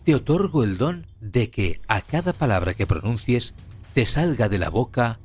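A man voicing a calm female fairy in a spoken fairy tale, speaking in a measured, unruffled way. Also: mid-range voice, husky, soft background music. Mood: stern.

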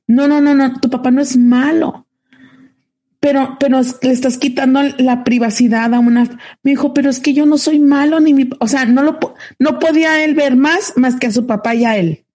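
A woman with a Mexican Spanish accent tells a personal story on a casual online talk show. Her voice is mellow and a little high, and she keeps restarting her phrases as she goes. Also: slightly rough. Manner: animated anecdote telling with restarts. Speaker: co-host. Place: remote call from home.

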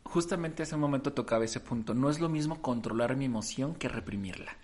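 A man with a Mexican accent, a psychologist on a panel, explaining calmly and acting out the phrases people say. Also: mid-range voice, brisk. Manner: explanatory, acts out quoted phrases. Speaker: psychologist guest. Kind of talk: casual panel talk.

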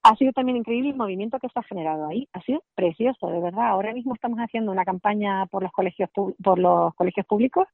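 A woman's voice: medium pitch, fast, hardly any pauses, no room sound. A woman from the Canary Islands with a Canarian Spanish accent, a parents' association president talking earnestly as a phone guest and repeating words as she searches for them. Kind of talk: casual interview over the phone. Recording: tinny dry phone line.

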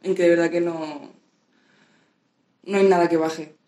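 A woman's voice: fairly low pitch, steady tone, measured pace, mellow. A woman from muses thoughtfully as a guest, letting her sentences drift off unfinished. Her voice carries a noticeable echo, as if she is recorded in a bare room. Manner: reflective, trailing off. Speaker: musician guest. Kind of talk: casual interview chat. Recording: roomy echo.

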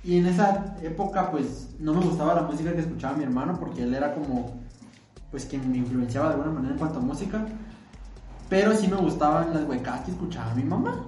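A man's voice: fairly high pitch, fast talker, a little mellow, recorded from a distance. A young man, co-hosting a podcast and telling a story about himself with laughs and self-mockery. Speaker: podcast co-host. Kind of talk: casual storytelling chat. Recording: roomy echo.

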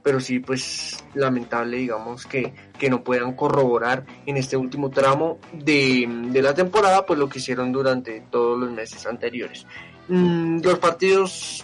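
Man, sports talk host, mid-pitched voice, casual analysis with many pauses, faint music behind. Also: fairly bright tone. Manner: conversational, hesitant, with frequent pauses and restarts. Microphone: remote connection from home.

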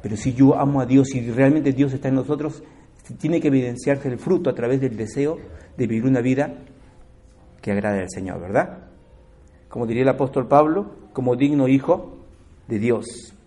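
Delivering a sermon, a man alternates between loud, emphatic lines and quieter asides, frequently putting direct questions to his listeners. His voice is mid-range and his speed normal.

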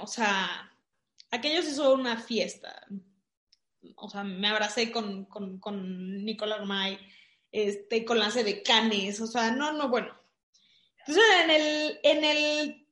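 A woman with a Mexican Spanish accent, telling a story in casual chat, full of fillers. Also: fairly high pitch. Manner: animated storytelling with many fillers. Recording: echoey room.

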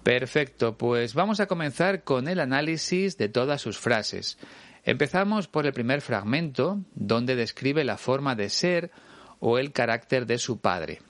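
A man's voice: medium pitch, animated, measured pace, no echo. A man from Spain with a Spain Spanish accent, teaching a language lesson and patiently explaining things straight to the listener. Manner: patient, clear and explanatory, addressing the listener directly.

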